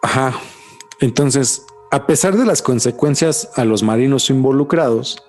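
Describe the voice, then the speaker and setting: With faint music playing behind him, a man speaks unhurriedly in a medium-pitched, darkish voice. He hosts a podcast in a casual, Mexican-accented Spanish chat, slangy, swearing a lot and dropping "güey" all the time.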